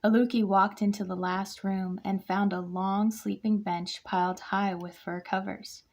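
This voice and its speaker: Slow, expressive woman reading a storybook. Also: medium pitch. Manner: expressive, acts out character lines. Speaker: guest reader for a kindergarten class. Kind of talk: children's picture book read-aloud.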